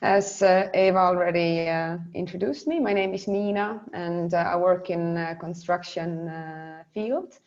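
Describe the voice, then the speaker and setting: Low-voiced young Estonian woman, muffled online audio. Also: steady tone, darkish tone. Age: 20s. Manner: hesitant, halting phrasing. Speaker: guest speaker. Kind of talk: informal online presentation. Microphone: video call. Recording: muffled, lo-fi video call audio.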